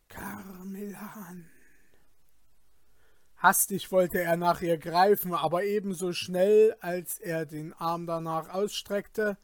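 A man narrating an old tale in a measured, dramatic storytelling manner. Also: a little high, no room sound, clean studio sound. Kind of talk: scripted audiobook narration.

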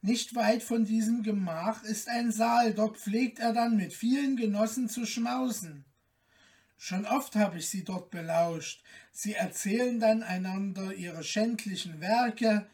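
A reader voicing a lonely, sad enchanted owl princess in a storybook tale, speaking softly and slowly. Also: medium pitch, recorded from a distance, close to an everyday voice. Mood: hushed. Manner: soft and subdued, slow and mournful.

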